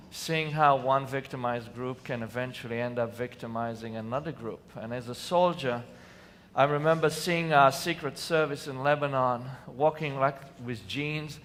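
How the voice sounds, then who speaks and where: On a lit stage in a large hall, an Israeli man with a medium-pitched, fairly bright voice and an Israeli accent earnestly tells personal stories to a conference audience, breaking into sudden emphatic bursts. Distant hall reverb and faint room noise color the recording.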